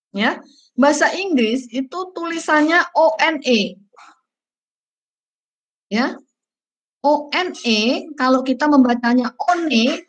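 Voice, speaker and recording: Chatty woman lecturer, higher voice. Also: highs cut off. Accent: Indonesian. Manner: chatty, repeats points with frequent "ya" and "nah" fillers. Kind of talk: online class lecture.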